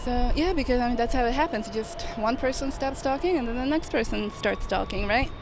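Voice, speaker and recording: A woman air traffic controller chats casually on a livestream outdoors near an airport, friendly and laughing often while pronouncing every word carefully. Her voice is fairly high and brisk.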